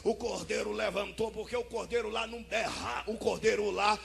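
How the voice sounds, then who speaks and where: Fiery Brazilian pastor, shouting. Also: male voice, high voice, fairly even intonation, normal speed, gravelly, heavy background noise. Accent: Brazilian Portuguese. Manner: shouting, sing-song preaching. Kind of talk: fiery Pentecostal sermon.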